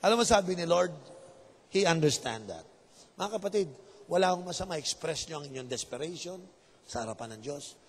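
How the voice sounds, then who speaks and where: A male pastor preaching a sermon, swinging between shouts and soft, low passages. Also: fairly quick. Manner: animated, shifts between shouting and soft, lowered voice, mixes English into his talk. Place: church sanctuary. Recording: long reverb of a large hall.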